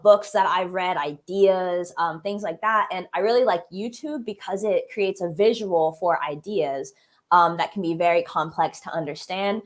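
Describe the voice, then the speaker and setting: A young woman from the United States, a creative business coach, chatting casually and enthusiastically on a livestream while a bit congested. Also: mid-range voice. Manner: chatty, lots of "like" fillers, enthusiastic. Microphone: streaming setup, computer mic.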